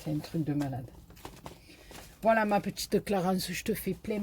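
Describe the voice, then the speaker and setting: A woman's voice: lowish voice, mellow, slight background noise. A middle-aged woman with a southern French accent chatting casually and rambling to her viewers. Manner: chatty, rambling, frequent fillers and laughs. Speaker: YouTube crafter. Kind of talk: casual chat to camera.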